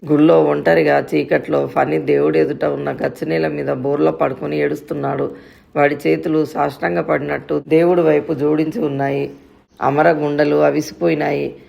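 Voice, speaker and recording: A woman's voice: low voice, vocal fry, warm tone. A woman narrating a story in a scripted reading.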